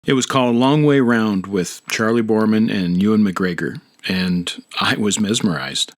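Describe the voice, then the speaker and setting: A man's voice: on the low side, measured pace. A middle-aged American man giving a reflective, scripted narration of his own story. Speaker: motovlog narrator. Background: guitar music.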